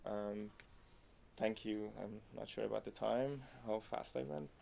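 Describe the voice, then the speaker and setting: A man giving an academic conference presentation, halting, with frequent restarts. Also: lowish voice, steady tone, gravelly, mellow, a little hiss or hum.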